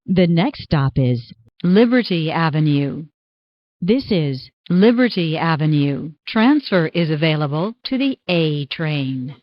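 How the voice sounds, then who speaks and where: A woman making formal, measured train station announcements, her recorded words spliced together one by one. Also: on the low side, dry recording. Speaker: transit announcer. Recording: dull lo-fi recording.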